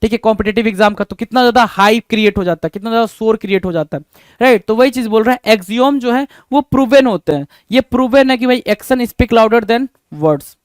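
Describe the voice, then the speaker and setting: High-voiced male teacher drilling words. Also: fairly quick, no room sound. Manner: rhetorical questions to students, repeats words. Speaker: vocabulary teacher. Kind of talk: exam-prep vocabulary lesson.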